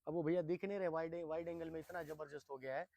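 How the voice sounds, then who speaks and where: Fast-talking man hosting a market vlog. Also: a little high, steady tone, dark tone, no echo. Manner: quick, affirming with frequent hums. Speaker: vlogger host. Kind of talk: casual interview vlog.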